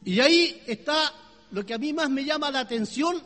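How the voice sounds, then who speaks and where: Male preacher, high voice, sermon delivery, turns from soft to loud and questions the congregation, hall reverb. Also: expressive, moderate pace. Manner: swings between hushed low tones and loud high exclamations.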